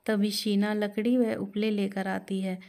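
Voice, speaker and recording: Woman reading out a moral story, steady and plain, warm mellow tone. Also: medium pitch, unhurried, creaky.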